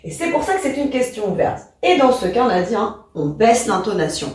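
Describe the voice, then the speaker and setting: Lively echoey French-speaking teacher woman. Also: a little high, brisk. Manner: addresses the pupil informally, demonstrating rising and falling intonation. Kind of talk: explaining a lesson. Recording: echoey room, distant from mic.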